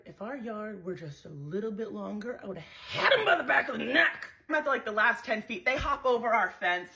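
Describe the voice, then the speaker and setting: A young woman animatedly telling a dramatic, self-mocking story to her phone camera at home, full of quick asides. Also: fairly high pitch, big pitch swings, creaky, sharp tone. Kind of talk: casual storytelling vlog to camera. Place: home, indoors.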